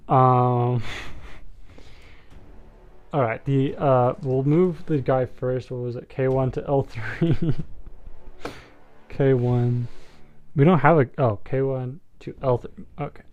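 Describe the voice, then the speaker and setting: With dull audio and faint music in the background, a young man runs a board game livestream in a medium-pitched voice that is fairly even and a little slow. He jokes and rambles with his viewers, using lots of fillers.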